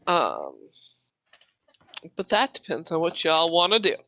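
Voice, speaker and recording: A game master chatting casually while running a tabletop game, with pauses to think. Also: mid-range voice, huge pitch swings, pushed and bright, muffled recording.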